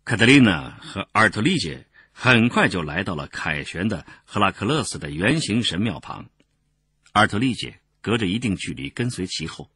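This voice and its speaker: A male audiobook narrator with a lively, expressive delivery that swings between loud and soft. His voice sits on the lower side, with a husky, bright edge. The sound is dry and close, with no room around it. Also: moderate pace, dry recording.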